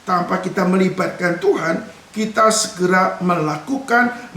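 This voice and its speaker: A man's voice: high-pitched, a bit bright. Guy preaching a sermon, talks straight to the congregation, big echoey room. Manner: addresses congregation as brothers and sisters, mixes in English words. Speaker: pastor. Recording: echoey church hall from far off.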